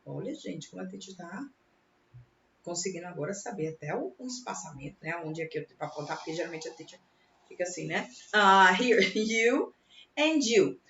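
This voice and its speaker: A woman's voice: mid-range voice, animated, moderate pace, sharp tone, slight background noise. Lady teaching english, chatty, switches languages, echoey room. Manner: chatty, switches between Portuguese and English, laughs at herself. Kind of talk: bilingual grammar lesson. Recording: roomy, dull lo-fi sound.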